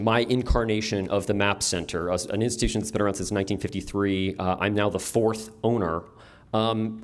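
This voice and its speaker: Wry, casual man giving a talk. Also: on the low side. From upstate New York. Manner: casual and wry, many ums and restarts. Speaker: map store owner giving a conference talk. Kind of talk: conference presentation. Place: conference room before an audience.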